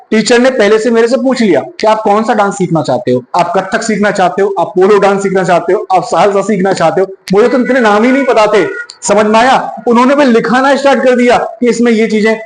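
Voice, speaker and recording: High-voiced male teacher lecturing students. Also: echoey room, low-quality recording. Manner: keeps checking in with students with "yes or no". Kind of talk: classroom lecture.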